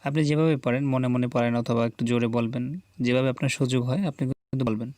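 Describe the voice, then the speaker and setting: In this slow letter drill for Quran reading, a man sounds out each letter and gently urges the viewer to repeat it back, patient and deliberate throughout. His voice is mid-range and dark with fairly even intonation, and there's no room sound.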